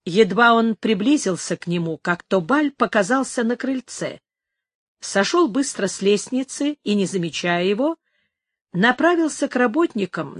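A woman narrating an audiobook in an even, measured storytelling manner. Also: on the high side, dry recording, clean studio sound.

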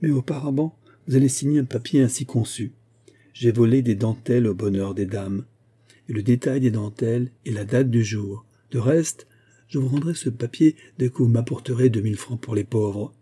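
A man reading aloud, voicing a calm, coldly formal store manager. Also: medium pitch, normal speed, slightly rough, close to an everyday voice. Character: cold, composed male store manager, unmoved.

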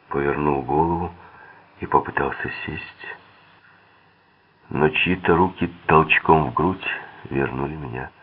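A man's voice: a bass voice, vocal fry, breathy edge. A man reading a thriller audiobook aloud, shifting his tone slightly for the characters' quoted lines. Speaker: audiobook narrator. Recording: tinny phone-like sound.

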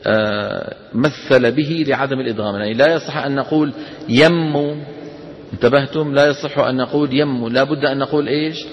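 A man leads a classroom lesson on recitation, pitched mid-range. He explains step by step and throws quick prompt questions to his students. The recording is muffled, with a long reverberant tail from the hall. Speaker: Quran recitation teacher. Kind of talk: classroom lecture on tajweed.

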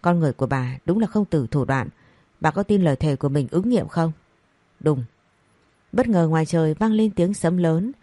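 A woman narrating a scripted story, reading each character's lines in the same even voice. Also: sits low, fairly quick, no room sound. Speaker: audiobook narrator.

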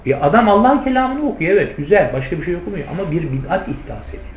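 A male theology teacher lectures to his class and calls them his friends. He poses rhetorical questions and answers them himself, in a high voice that swings widely in pitch. The recording sounds roomy and a little dull, with faint noise behind him. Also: big pitch swings, quick pace. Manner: addresses listeners as friends. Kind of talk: lecture on hadith commentary.

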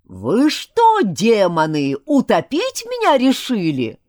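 A woman's voice: a little high, huge pitch swings, slow pace, a little mellow, no room sound, clean studio sound, exaggerated voice. Woman reader doing a pompous young male genie-wizard, indignant, storybook audio. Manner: theatrical, indignant and flowery. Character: grumpy sardonic young male spirit-wizard.

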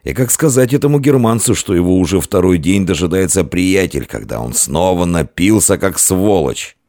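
A man voicing a sly, stocky innkeeper who pleads and frets in a flustered, higher voice in a storybook reading. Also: animated, moderate pace, creaky, breathy edge, dry recording, studio quality, exaggerated voice. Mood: grumbling.

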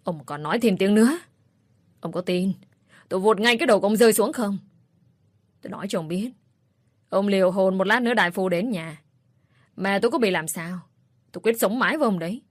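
A woman's voice: on the low side, a little slow, no echo, clean studio sound, lightly acted. Woman reading as a fierce young daughter. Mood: furious threat. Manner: defiant, threatening, then polite.

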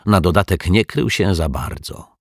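Man, storybook narrator, very deep voice, husky, dry close sound. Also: lively intonation, a little slow, dry recording. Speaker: audiobook narrator.

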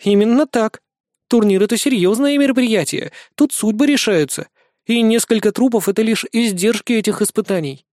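A man's voice: high voice, fairly quick, a little mellow, no room sound, studio quality, voice pushed up, lightly acted. Man voicing a stern, caustic young woman. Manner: curt, caustic.

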